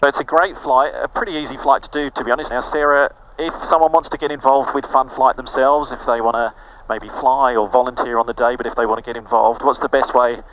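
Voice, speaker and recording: A man, a pilot narrating from the cockpit in a relaxed, explanatory way and making radio calls over a headset. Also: medium pitch, fast, dull audio. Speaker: pilot and host. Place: small aircraft cockpit in flight. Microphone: aviation headset. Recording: loud engine noise behind. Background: aircraft engine drone.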